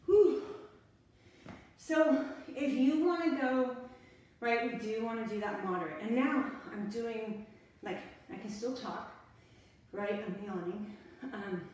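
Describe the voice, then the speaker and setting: A woman's voice: medium pitch, slight background noise. Breathless woman coaching a workout. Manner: chatty, breathless between exercise bursts. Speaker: fitness instructor. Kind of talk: casual workout instruction. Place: home room near stairs. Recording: echoey room, camera far off.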